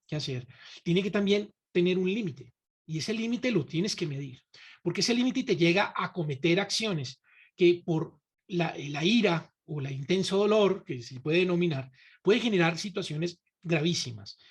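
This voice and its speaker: A man's voice: high-pitched, expressive, normal speed, breathy edge. A man hosting a conversational interview, speaking reflectively and emphatically while putting probing questions to his guest. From Colombia. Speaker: host.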